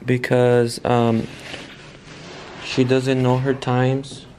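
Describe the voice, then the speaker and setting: A man's voice: medium pitch, completely flat delivery, very slow, noisy background. A man, a father hosting a family vlog, chatting casually in an easygoing, rambling way with fillers.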